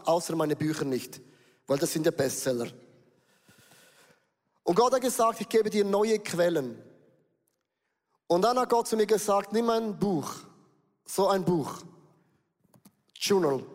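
A man preaching a sermon as pastor, lively and direct, often turning to the congregation with questions. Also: high voice. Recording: reverberant hall.

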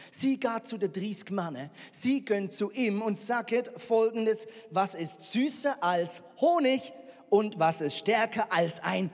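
A man, preaching a sermon as a lively, sarcastic Bible retelling full of rhetorical questions. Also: high-pitched. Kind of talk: sermon storytelling. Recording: reverberant hall.

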